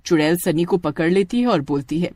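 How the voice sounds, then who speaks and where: A storyteller giving steady, dramatic scripted narration for a cartoon story. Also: medium pitch, a little fast.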